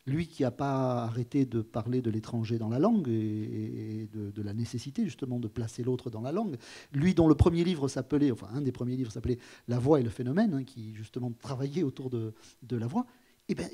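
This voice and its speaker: Hosting a live conversation on an auditorium stage, this French man asks his guest questions in a considered way, frequently starting over mid-thought. The voice is mid-range, dark in tone, and a little rough.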